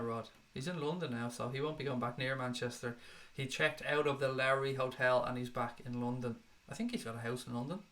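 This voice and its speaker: A man's voice: medium pitch, bright, forceful tone. An Irish man hosting a casual livestream, reading viewer comments aloud and answering them bluntly, swearing freely. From Ireland. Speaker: livestream host reading chat. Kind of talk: casual chat.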